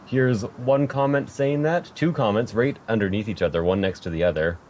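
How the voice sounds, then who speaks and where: Hosting a podcast interview, a man speaks at normal speed in a darkish voice on the low side, with slight background noise present. He's casual and a little rambling, correcting himself as he talks and laughing lightly.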